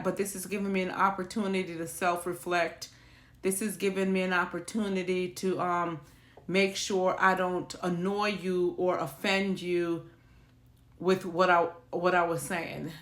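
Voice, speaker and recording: A woman's voice: mid-range voice, fairly bright tone. A woman hosting a perfume vlog, talking to viewers in a chatty, reflective, rambling way with restarts. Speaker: perfume channel host. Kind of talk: casual chat to viewers.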